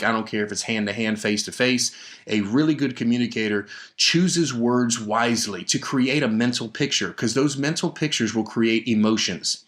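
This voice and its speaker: A man's voice: medium pitch, fairly bright tone. A man hosting a solo sales podcast, speaking into a microphone with emphatic energy, frequent restarts and rhetorical questions. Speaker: podcast host and sales trainer. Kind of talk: solo podcast coaching talk. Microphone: studio microphone.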